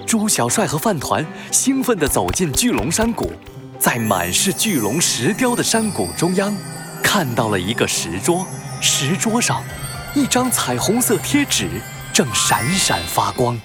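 A narrator reading a scripted children's story in a dramatic, expressive way. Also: mid-range voice, unhurried, music in the background.

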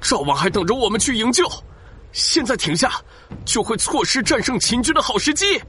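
A man's voice: very high voice, very animated, normal speed, sharp tone, slight background noise, heavily acted. A man voicing a bold, fiery young general who gives rousing commands. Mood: urgent.

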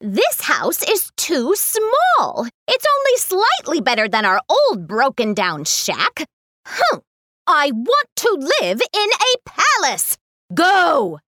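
A woman's voice: sits high, wildly swooping pitch, slow, bright, forceful tone, no echo, studio quality, full character voice. A woman voicing a greedy, bossy old fisherman's wife who scolds and whines at her husband in a children's audio story. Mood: scolding. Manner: scolding, whiny.

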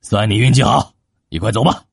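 A woman voicing a menacing, hungry male bridge troll in a storybook reading, with a gravelly, husky voice. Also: fairly quick, no room sound, clean studio sound, heavily acted. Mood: gloating. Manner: booming, gloating, swooping pitch.

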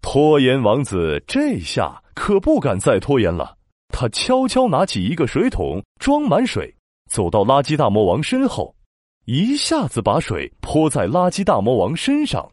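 A man narrating a children's story in a dramatic, expressive storytelling manner. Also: mid-range voice, measured pace, no room sound, studio quality. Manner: dramatic, expressive, with sound-word emphasis.

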